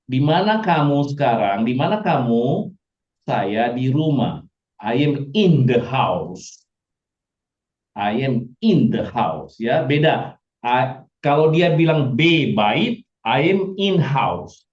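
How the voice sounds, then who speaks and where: A man's voice: mid-range voice, sing-song, slow, darkish tone. A man teaching a Hebrew lesson online, acting out dialogue lines in playful voices. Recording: echoey, dull lo-fi audio.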